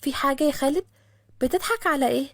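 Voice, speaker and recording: A woman's voice: high-pitched, racing, fairly bright tone, no room sound, studio quality. A woman voicing a scheming, chatty twenty-eight-year-old woman in an Egyptian Arabic accent. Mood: sweet chatty. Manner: chatty, sweet-talking.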